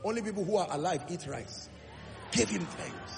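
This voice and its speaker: High-voiced, gravelly preacher in a hall. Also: male voice, lively intonation, moderate pace, background noise. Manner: emphatic, rising repetitions, shifts between loud exhortation and low earnest tone. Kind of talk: sermon. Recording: long hall reverb with faint music.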